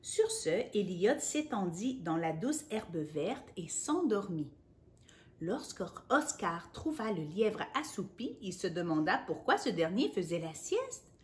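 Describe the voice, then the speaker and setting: A woman reading a picture book to children, playful and animated, adding sound effects and asides. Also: medium pitch, slow pace. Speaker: children's storyteller.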